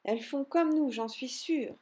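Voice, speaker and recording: A woman voicing a lively, proud little squirrel child in a storybook, who talks in loud exclamations. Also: sits high, measured pace, voice pushed up.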